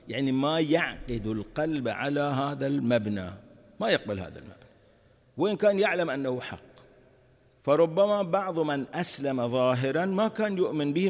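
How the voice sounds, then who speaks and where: A man delivers a religious lecture, explaining a verse point by point. He talks deliberately and circles back to repeat his key phrases. His voice sits at an ordinary pitch, and it carries a long reverb from a large hall. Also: vocal fry, darkish tone. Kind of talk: Quran commentary lecture.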